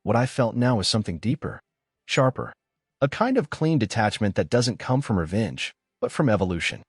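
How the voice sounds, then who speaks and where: A man narrating a first-person story in a calm, measured, scripted way. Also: mid-range voice, husky, no room sound, studio quality.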